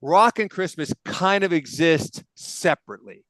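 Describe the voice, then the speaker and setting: A man's voice: on the high side, lively intonation, normal speed, a bit bright, no echo, low-quality recording. A man hosting a casual music debate show, opinionated and enthusiastic as he tells stories. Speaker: podcast host. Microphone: on camera, video call.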